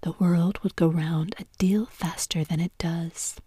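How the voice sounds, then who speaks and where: A woman whispering the lines of a rude, bossy old noblewoman with a hoarse, curt way of talking. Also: fairly low pitch, fairly even intonation, unhurried, mellow, no echo, clean studio sound. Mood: snappish. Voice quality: hoarse growl. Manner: curt and snappish.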